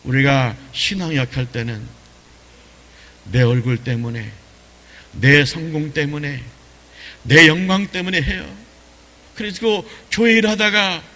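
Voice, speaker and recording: A male pastor delivering a Sunday sermon, asking questions and repeating phrases, dropping low and quiet, then rising to stress a point. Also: big-room sound. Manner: preaching with rhetorical questions and repetition, swings from low and quiet to raised. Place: church sanctuary.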